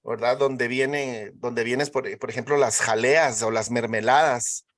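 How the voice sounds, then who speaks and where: Patient teacher explaining slowly. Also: mid-range voice, fairly even intonation. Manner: patient, repeats and checks understanding. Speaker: English teacher. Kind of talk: live online English class.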